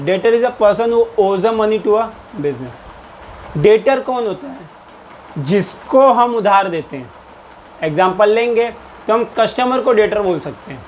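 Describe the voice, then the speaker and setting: Guy teaching accounts, kinda high voice, asks then answers his own questions. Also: a little hiss or hum. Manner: explains in Hindi mixed with English terms, repeats and quizzes. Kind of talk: recorded lecture.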